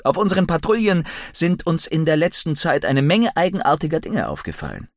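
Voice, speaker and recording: A man voicing a brawny, cheerful young male werewolf in an audiobook, talking in hearty, excited banter. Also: fairly high pitch, fairly quick, no echo, studio quality, voice pushed up. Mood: chatty.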